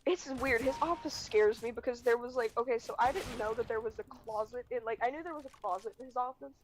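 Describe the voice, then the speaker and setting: A woman's voice: fairly high pitch, fast, a little hiss or hum, rough recording. A teenage girl, casually telling a long school story while streaming a game, swearing freely and acting out what people said. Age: teens. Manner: rambling, swears freely, quotes people in dialogue.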